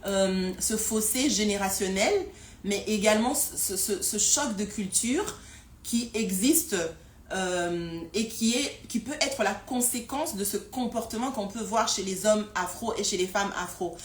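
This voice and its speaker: A woman talks casually to her live stream audience, stumbling over repeated words and fillers as she thinks aloud. Her voice sits at an ordinary middle pitch. The sound is roomy and echoey, with a faint hiss underneath. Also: measured pace. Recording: roomy echo with faint noise.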